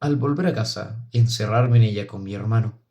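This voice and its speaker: A man narrating a literary audiobook in a measured, solemn, expressive reading. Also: fairly low pitch, lo-fi sound.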